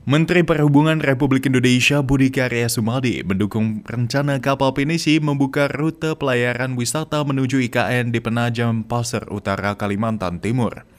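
A man presenting a radio news feature in a steady, formal reading voice. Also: medium pitch. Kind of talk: read news report.

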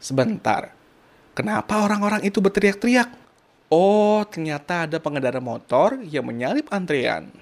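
A man's voice: sits high, animated, normal speed, slight background noise. A man voicing a curious male blogger in a scripted monologue for a language lesson.

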